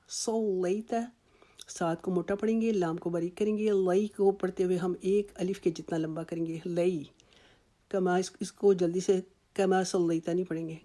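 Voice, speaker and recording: A Quran recitation teacher with a lowish, mellow voice leads a slow, calm instructional tajweed lesson. She stretches out each example word slowly before explaining it, staying patient and reassuring the whole time.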